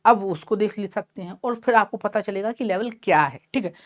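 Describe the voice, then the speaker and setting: Briskly and at a medium pitch, a female teacher lectures an online class in Hindi. She patiently explains, frequently checks on her students, and addresses each fondly as child.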